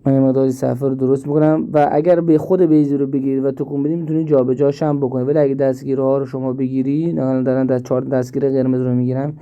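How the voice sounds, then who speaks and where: A man teaching an app step by step, slowly and with repeats, in a screen-recorded tutorial. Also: mid-range voice, level tone, clear, resonant tone, muffled recording. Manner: slow step-by-step explaining, repeats himself. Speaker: instructor.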